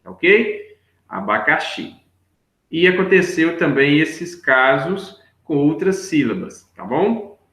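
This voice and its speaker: A man's voice: a little high, sing-song, slow, fairly bright tone. A male teacher patiently going over worksheet answers for young children step by step, often checking in with his listeners. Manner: patient, step-by-step, checks in with 'right?' and 'look here'. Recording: echoey room.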